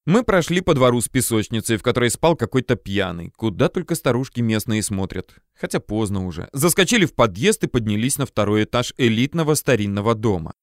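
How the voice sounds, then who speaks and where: A man's voice: mid-range voice, animated, a little fast, hardly any pauses, dry recording. Guy reading an audiobook, wry storyteller, mid voice, dry close mic. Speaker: audiobook narrator. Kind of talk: first-person audiobook narration.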